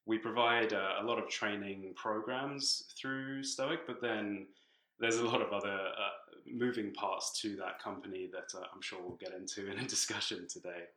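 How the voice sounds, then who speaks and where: This young podcast guest, a strength coach born in England who grew up in Tanzania, discusses training casually in a British accent altered by time overseas. He's relaxed and talkative, using many fillers and laughing between phrases. His pitch sits lowish at a normal speed in an echoey room.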